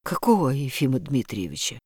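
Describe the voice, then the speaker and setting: A woman voicing a gruff old village blacksmith in a storybook reading, speaking low and curt. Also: big pitch swings, a little fast, darkish tone, no echo, studio quality, full character voice. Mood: puzzled.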